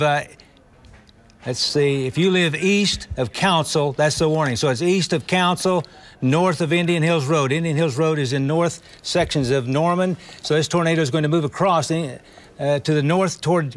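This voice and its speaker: A man anchoring live emergency weather coverage, giving directions and repeating phrases as he thinks aloud. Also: fairly high pitch. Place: TV studio.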